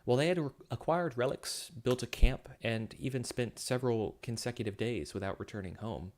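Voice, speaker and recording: A man's voice: mid-range voice, a little fast, a little mellow. A man reading his own science fiction story aloud, with occasional slips and self-corrections. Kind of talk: story narration.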